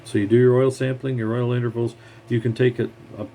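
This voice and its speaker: Man, mechanic, blunt and scornful rant, mid-pitched voice, faint noise behind. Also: flat delivery, quick pace, mellow. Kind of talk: ranting advice monologue.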